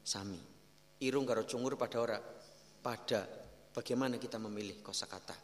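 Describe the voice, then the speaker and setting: A middle-aged man with a Javanese accent, a kyai preaching and telling stories in a lively way. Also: mid-range voice, fairly quick, slight background noise. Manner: lively storytelling, mixing in Javanese phrases. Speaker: kyai teaching a religious study. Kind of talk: sermon. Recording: long hall reverb.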